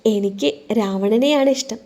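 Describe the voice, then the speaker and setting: A woman voicing a young woman in a spoken story who talks softly, pouting and close to tears. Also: fairly high pitch, measured pace. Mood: plain. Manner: soft, pouting, tearful. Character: young woman, timid, hurt and sulky.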